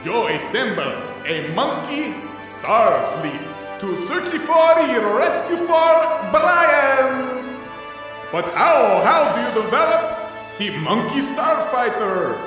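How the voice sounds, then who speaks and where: A man's voice: extremely high pitch, sing-song, slow pace, exaggerated voice. A man playing a melodramatic serial narrator, theatrical, delivering comic scripted cliffhangers. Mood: suspenseful. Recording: echoey, distant, music behind.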